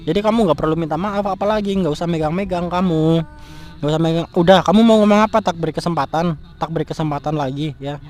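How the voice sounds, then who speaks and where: A man's voice: on the high side, steady tone, fast talker, a little mellow, close to an everyday voice. A man playing a furious young man who scolds and curses his cheating fiancée in a scripted street drama. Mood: angry. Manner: angry scolding, cursing. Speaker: jilted fiancé.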